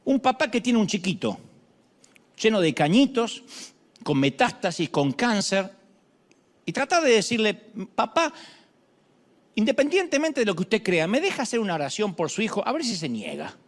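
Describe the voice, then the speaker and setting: Animated Argentine preacher, man. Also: high voice, normal speed, in a large hall. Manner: dramatic, swings from shouting to hushed; humorous asides. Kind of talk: sermon.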